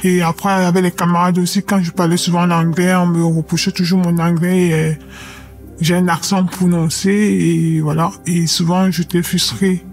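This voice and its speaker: A young woman tells her story in a calm, even voice that stays level in pitch. She speaks in a measured, reflective way and pauses to hesitate between thoughts. Soft music plays faintly underneath. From Cameroon. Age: young adult. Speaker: anonymous witness. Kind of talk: personal testimony.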